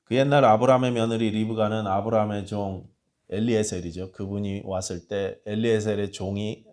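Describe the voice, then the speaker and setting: A man preaching a sermon as pastor in a church, telling the story with rhetorical questions and moving between hushed and raised emphasis. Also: on the low side.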